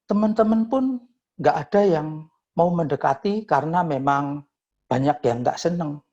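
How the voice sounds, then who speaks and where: Slow-spoken man giving a church testimony. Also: on the high side, expressive, darkish tone, lo-fi sound. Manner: unhurried storytelling with pauses; addresses listeners as brothers and sisters. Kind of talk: personal testimony at a morning prayer meeting.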